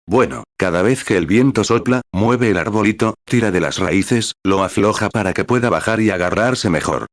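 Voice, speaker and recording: Low-voiced man reading a sermon. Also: normal speed, few pauses, no room sound, studio quality. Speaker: reader of a translated sermon. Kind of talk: sermon read aloud with paragraph numbers.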